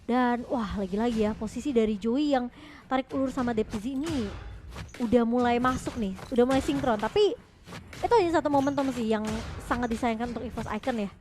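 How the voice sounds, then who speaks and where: A woman with an Indonesian accent giving animated live esports commentary and analysis, with quick reactive interjections. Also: fairly high pitch, faint music behind.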